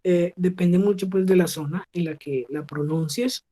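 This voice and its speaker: A woman teaching an English lesson over a video call, with a voice a touch lower than most. She talks patiently and stops often to check that the class is following. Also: moderate pace, dark tone, slight background noise. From Colombia. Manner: patient, checks understanding with frequent "¿sí?". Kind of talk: online class explaining pronunciation.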